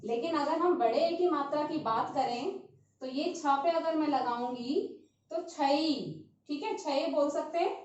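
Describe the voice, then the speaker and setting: A high-voiced woman teaches young children, stretching out each syllable and pausing to check that they follow. She sounds distant from the microphone in a very echoey room, and the recording is dull and lo-fi with a faint hiss. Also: darkish tone. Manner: patient, repeats sounds slowly, often asks "thik hai". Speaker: primary school teacher. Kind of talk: classroom lesson on Hindi vowel signs.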